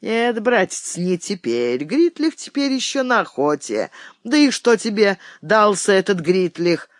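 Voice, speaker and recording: A man's voice: high voice, big pitch swings, measured pace, no echo, clean studio sound, pitched above the performer's own voice. A man voicing a boastful, mocking old lord of a castle in a read-aloud historical novel. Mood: mocking, jovial. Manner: teasing, jovial.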